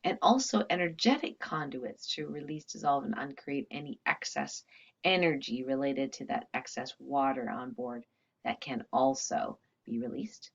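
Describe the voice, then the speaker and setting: Casting: woman with a low voice, energy healing teacher, conversational guide, slightly lo-fi audio. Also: normal speed, husky. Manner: conversational, with frequent asides and check-ins. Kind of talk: casual talk and guided healing session.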